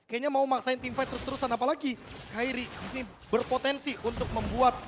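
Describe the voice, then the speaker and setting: A man's voice: very high voice, steady tone, fast, background noise. A man with an Indonesian accent explaining plays as an esports analyst caster. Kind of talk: analytical match commentary. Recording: loud music bed under broadcast.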